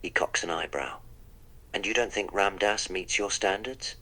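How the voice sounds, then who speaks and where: A man's voice: low voice, moderate pace, sharp tone, poor audio. A man voicing the Doctor, a wry, polite eccentric time traveller, in a text-to-speech role-play that narrates his own actions.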